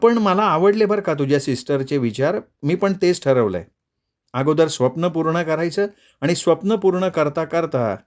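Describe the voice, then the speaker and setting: A man's voice: on the high side, animated, moderate pace, darkish tone, pitched above the performer's own voice, lightly acted. Man doing playful young woman, storybook reading, teasing, raised voice. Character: cheerful teasing young woman, college student.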